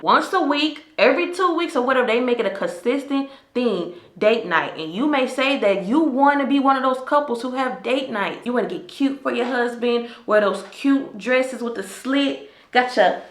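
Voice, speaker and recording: Bright-voiced, sassy woman in her twenties. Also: high-pitched, reverberant. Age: 20s. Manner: chatty, emphatic, sassy asides. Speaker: lifestyle vlogger. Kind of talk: casual advice vlog.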